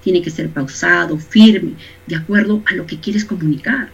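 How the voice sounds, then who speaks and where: Lively teacher, husky voice, lo-fi recording. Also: mid-range voice, moderate pace. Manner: lively, asks rhetorical questions and acts out examples. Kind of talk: recorded lesson addressed to young people.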